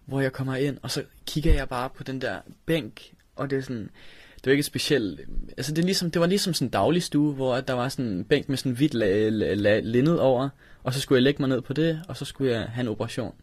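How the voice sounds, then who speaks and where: A young man from Denmark telling a personal story, halting, with many restarts and fillers. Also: mid-range voice, darkish tone, no echo. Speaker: interviewee telling his story. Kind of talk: personal recollection.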